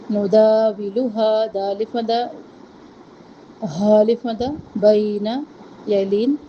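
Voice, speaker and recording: A woman teaching Quran recitation, reciting each phrase slowly and then quickly explaining its pronunciation rules. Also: mid-range voice, dull audio, a little hiss or hum. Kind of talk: tajweed lesson, recitation with rule explanations.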